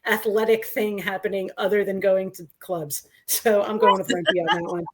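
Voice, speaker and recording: Female co-host, mid-pitched voice, casual rapid-fire question-and-answer banter for sports fans. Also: fairly even intonation, a little mellow. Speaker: co-host of a sports fan show.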